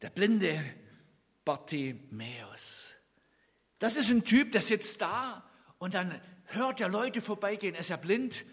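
A man from East Germany preaches with a bright, high voice that leaps around, acting out scenes and putting questions to his listeners. His tone has a husky edge, and the sound rings with the long reverb of a church hall. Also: slow. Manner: animated, acts out Bible scenes and asks listeners questions. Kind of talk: lively sermon.

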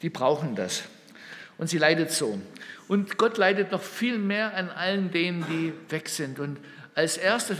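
A man preaching to an audience in a hall, telling stories with emotion and moving between loud calls and hushed asides. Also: high voice. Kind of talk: sermon. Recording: long reverb of a hall.

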